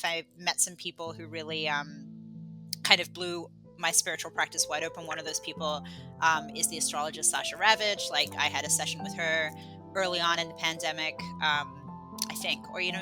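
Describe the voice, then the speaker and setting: A woman's voice: low-pitched, fairly quick, music in the background, poor audio. A woman from England, raised in Australia, chatting as a podcast guest in a rambling, self-deprecating way with lots of fillers and restarts. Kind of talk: casual conversational interview.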